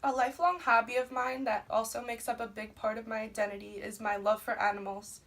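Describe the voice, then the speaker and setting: Her voice is a little high and fairly bright, with fairly even intonation and a slightly fast pace. She's a twenty-year-old Brooklyn, New York student steadily reading a scripted presentation about herself for class, listing items. The sound is noisy and somewhat distant.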